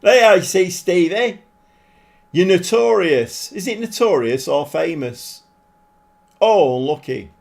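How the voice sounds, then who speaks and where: Live-streaming a football management game, a man talks informally to viewers in a high, gravelly voice. He readily pokes fun at himself and gets excited fast.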